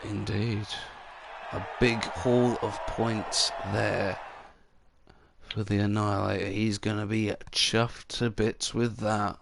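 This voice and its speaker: A man commentating a sim racing league with excitable, exclamatory calls. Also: fairly low pitch, slow, vocal fry, background noise. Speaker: race commentator.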